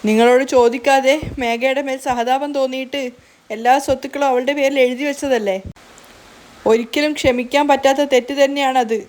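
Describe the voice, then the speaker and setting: A remorseful older grandmother, pleading and lamenting her mistake, read by a woman in her own voice. The tone stays fairly high and plain, as in a spoken story recap. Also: steady tone, a little fast, a little mellow, natural voice. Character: remorseful older grandmother, tearful and self-blaming.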